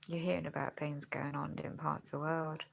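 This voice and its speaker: This vlogger talks fast with a low voice, little pitch movement and vocal fry, chatting and rambling with sighs and tag questions. She's congested and losing her voice, recorded at home on a phone held by a friend, with background noise audible.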